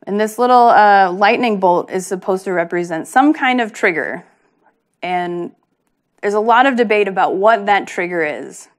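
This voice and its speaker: A woman research scientist giving a patient, plain-spoken public lecture, with frequent ums. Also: lowish voice.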